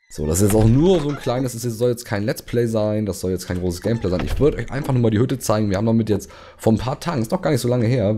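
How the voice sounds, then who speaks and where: Man, low mellow voice, casual gameplay commentary, chatty, explains as he goes. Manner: chatty, many fillers and restarts, explains step by step. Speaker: gamer showing a game build.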